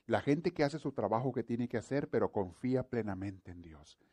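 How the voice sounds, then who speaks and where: An earnest male preacher delivers a sermon, circling back over the same points again and again. His voice is warm and mellow, sitting at an ordinary middle pitch. He speaks to his listeners as brothers. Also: expressive, normal speed, husky.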